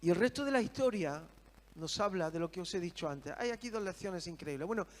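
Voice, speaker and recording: A man's voice: high voice, animated, fairly quick. A man preaching a sermon, earnest and full of rhetorical questions.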